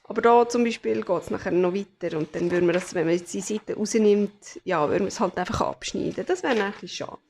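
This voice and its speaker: A woman's voice: mid-range voice, a little fast, hardly any pauses, darkish tone, slight background noise. A woman with a Swiss German accent, hosting a casual crafting vlog, chatty and full of fillers as she shows her things to the camera. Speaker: craft channel host.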